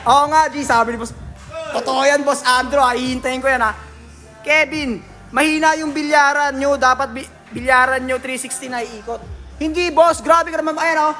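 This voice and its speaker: A man's voice: very high voice, fairly even intonation, normal speed, bright, forceful tone, faint music behind. A man with a Filipino accent hosting a casual livestream, reading out viewer comments in a jokey, teasing way and laughing often. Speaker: livestream host at a billiards hall.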